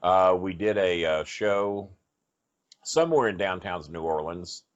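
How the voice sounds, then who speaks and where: Low-voiced man telling a profane story. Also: lively intonation, measured pace. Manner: profane, rambling storyteller with many fillers. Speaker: wrestling storyteller guest. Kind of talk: casual podcast storytelling. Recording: dull lo-fi podcast audio.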